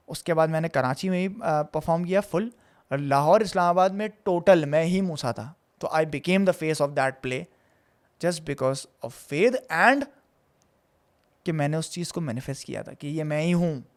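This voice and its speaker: A man, a host and theatre actor, telling a personal story in an animated, casual way and slipping English phrases into his talk. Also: fairly high pitch.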